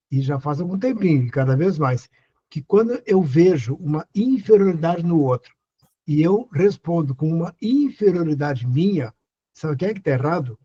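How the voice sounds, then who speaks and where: Older host, husky and mellow, earnest advice talk, dull lo-fi sound. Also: male voice, a little high. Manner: earnest, repeats questions to the listener. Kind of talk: casual advice talk on a live stream.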